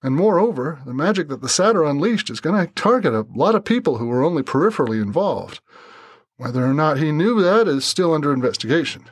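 A man doing a calm soft-Texan young man. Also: fairly high pitch, husky, no room sound, voice pushed up. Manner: calm, polite, measured.

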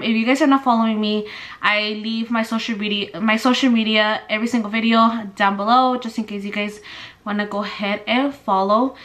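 A young woman in her twenties talks through her daily makeup as if chatting with a friend, leaning on "like" and "dude" between thoughts. Her voice sits a little high for a woman, and she sounds slightly short of breath as she goes. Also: sharp tone. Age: 20s. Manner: chatty, filler-heavy with "like" and "dude". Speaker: family vlogger. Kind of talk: casual get-ready-with-me chat.

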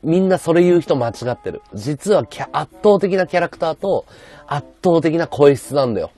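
A man livestreaming with a high-pitched voice and a sore throat, chatting bluntly and casually while reading viewer comments. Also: lively intonation, normal speed, mellow, soft background music. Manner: rough, blunt casual speech.

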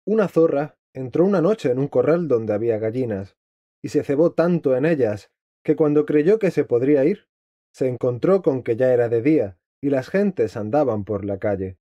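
A man voicing a wise counselor who tells a fable to a nobleman, in a calm, formal storybook reading. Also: mid-range voice, moderate pace, no room sound, close to an everyday voice. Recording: dry, slightly dull lo-fi.

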